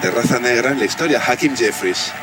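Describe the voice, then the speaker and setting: A man with a Spanish accent from Spain interpreting a political speech live, phrase by phrase in a halting way. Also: mid-range voice, over a noisy crowd, low-quality recording. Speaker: simultaneous interpreter. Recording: loud noise under the voice.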